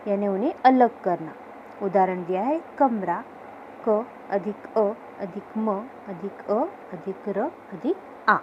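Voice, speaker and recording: A woman reading a grammar lesson as a teacher, explaining slowly and carefully and sounding out letters one by one. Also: mid-range voice, a little mellow, poor audio. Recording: faint background noise.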